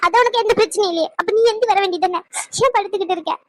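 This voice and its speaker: A woman voicing a tearful, fiercely devoted young female student who scolds fast while crying in a cartoon. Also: very high-pitched, no room sound. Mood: scolding. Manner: scolding, crying, rapid-fire questions. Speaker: voice actor. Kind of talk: cartoon dub acting.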